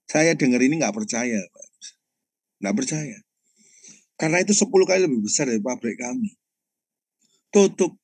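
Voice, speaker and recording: A man's voice: medium pitch, expressive, brisk, long pauses, breathy edge, dry recording, poor audio. A man, a pastor telling a personal testimony in a sermon and often addressing the congregation directly.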